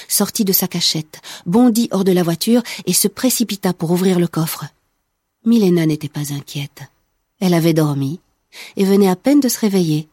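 Woman narrator, measured audiobook reading, mellow low voice, dry close mic. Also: no echo. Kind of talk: scripted narration.

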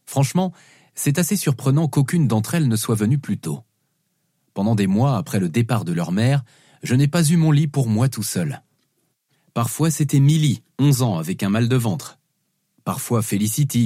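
A man narrating an audiobook in the first person, with expressive storytelling. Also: mid-range voice, no echo, studio quality. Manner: expressive storytelling with lively shifts.

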